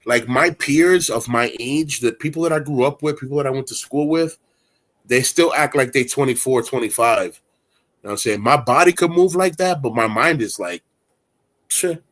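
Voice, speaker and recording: A man's voice: mid-range voice, normal speed, fairly bright tone. Rambling man in his forties, casual. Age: 40s. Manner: rambling, candid, streetwise. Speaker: host. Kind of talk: casual chat.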